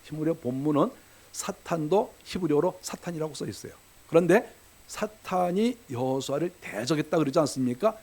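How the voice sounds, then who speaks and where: A man preaching a sermon as pastor, animated, acting out quoted voices and swinging between loud and quiet. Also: on the high side, moderate pace. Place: church sanctuary.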